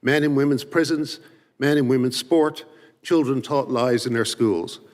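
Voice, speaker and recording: A man's voice: mid-range voice, a little slow, darkish tone. Emphatic man giving testimony. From Ireland. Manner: emphatic, rhetorical lists. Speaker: witness at a legislative hearing. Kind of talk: prepared testimony. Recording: reverberant hearing room.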